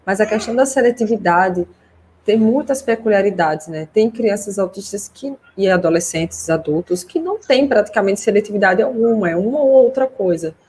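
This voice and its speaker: A woman's voice: mid-range voice, animated, moderate pace, darkish tone, slight background noise. A woman host and speech therapist giving a casual, reassuring consultation over a video call, talking freely with lots of fillers. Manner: chatty, reassuring, many fillers like "né".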